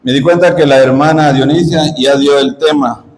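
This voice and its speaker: Man from guatemala, missionary preacher, fairly high voice, conversational teaching, echoey church hall. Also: fairly even intonation, moderate pace. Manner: warm conversational teaching, asks the audience questions. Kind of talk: retreat talk to a parish.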